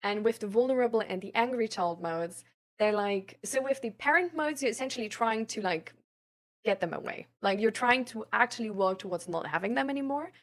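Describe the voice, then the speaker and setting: A young adult woman speaks a little fast with a fairly high pitch and an animated manner while chatting with livestream viewers. The topic is mental health and self-improvement, and she explains things loosely and ramblingly with many filler tags.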